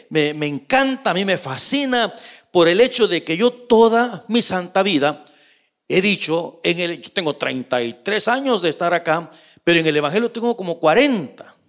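A man, a pastor preaching a sermon in an animated way and acting out quoted voices. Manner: animated preaching, voice rising high for emphasis, quoting in character voices.

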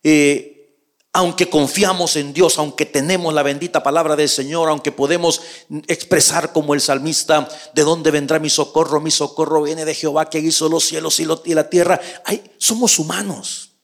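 A man preaching a sermon, speaking to the listener as his brother, shifting between hushed, slow passages and loud, emphatic ones. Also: fairly high pitch, steady tone, vocal fry.

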